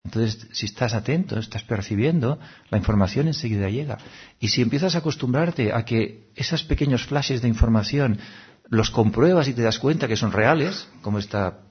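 A man, giving a calm, reflective spiritual talk in an unhurried, musing way with frequent "no?" asides. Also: mid-range voice, breathy edge, highs cut off. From Seville, Spain. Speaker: spiritual teacher.

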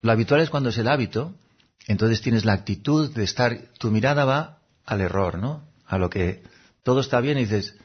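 A man giving a gentle, unhurried reflective talk, now and then slipping into little voices to act out examples. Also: medium pitch, breathy edge. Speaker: speaker giving a talk on habits. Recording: dull, lo-fi recording.

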